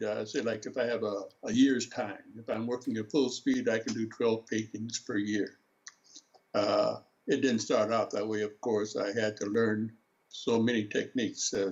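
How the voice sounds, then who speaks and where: An older man talks about his work in a relaxed interview. His low voice is husky, and he pauses often and fills the gaps with sounds. The recording sounds dull and lo-fi. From Seattle, USA. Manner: hesitant, many filler sounds. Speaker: artist guest.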